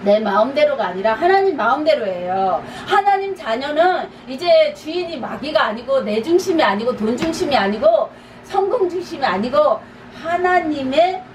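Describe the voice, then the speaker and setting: A woman pastor preaches in a chatty teaching style, circling back to the same urgent calls with small laughs. Her voice sits high and swings widely in pitch. It reaches the mic from a distance in a reverberant room, with steady background noise. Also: normal speed. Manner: repetitive, urging exhortations with light laughs. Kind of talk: conversational teaching sermon. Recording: echoey, distant, noisy room.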